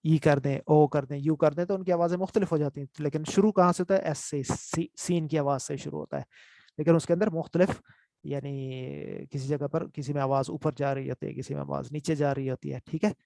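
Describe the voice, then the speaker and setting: Man teaching in a gravelly voice. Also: fairly high pitch, fairly even intonation, mellow, no room sound. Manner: explanatory, repeats terms and checks understanding often. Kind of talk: online lesson with screen notes.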